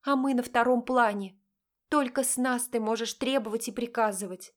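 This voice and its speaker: A desperate young woman in an audiobook, played by a woman narrator, her voice pitched high and raised loud. She pleads with mounting insistence, emotional and close to breaking. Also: normal speed, natural voice. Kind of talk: audiobook character voice.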